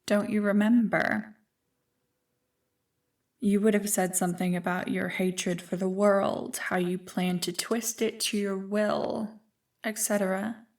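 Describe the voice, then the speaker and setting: Playing an ancient evil spirit for ASMR roleplay, a woman with a medium-pitched feminine voice taunts and teases in a slow, deliberate, seductively smug way. Her tone is level and darkish, she sits far from the mic, and the mood is amused and condescending.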